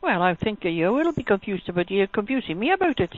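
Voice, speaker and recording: A sexual health helpline adviser gives advice over the phone, explaining things matter-of-factly. Her mid-range voice swings widely in pitch at a brisk pace, with no echo, though the line sounds muffled and tinny.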